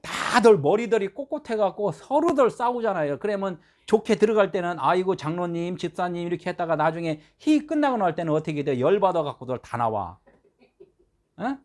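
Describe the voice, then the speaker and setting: A man preaching a sermon in a lively, conversational way, his pitch riding fairly high and leaping up and down. He throws out rhetorical questions to his listeners and shifts between loud emphasis and quiet asides. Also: fairly quick. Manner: animated, swings between loud and soft. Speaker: pastor.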